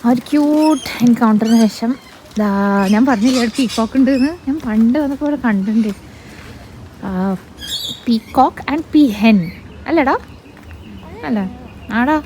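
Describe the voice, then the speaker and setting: A woman chatting excitedly as she vlogs her visit to an animal park, mixing in English words. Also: a little high, a little slow, long pauses, slight background noise, low-quality recording. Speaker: vlogger. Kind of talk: casual vlog narration. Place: outdoor wildlife park with rain.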